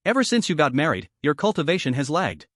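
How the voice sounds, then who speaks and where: A man reading the lines of an aloof young immortal cultivator, speaking calmly and indifferently. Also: fairly high pitch, fast, dry recording, clean studio sound. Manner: calm, indifferent commanding tone.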